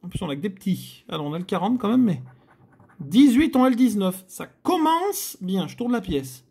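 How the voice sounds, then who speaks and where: A man's voice: high voice, expressive, a little fast, creaky, dark tone, slightly rough. A man hosting a scratch-card video, giving chatty, theatrical commentary to his viewers as he scratches. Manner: chatty, theatrical, addresses viewers, frequent groans. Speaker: host.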